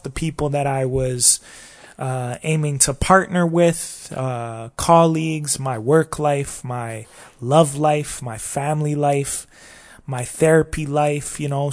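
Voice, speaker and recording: A man hosts a casual solo podcast in a voice of ordinary middle pitch with a slight scratchiness. He talks in a loose, reflective, rambling way and keeps checking in with the listener. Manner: rambling and reflective, often asking "you know what I mean?". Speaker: podcast host.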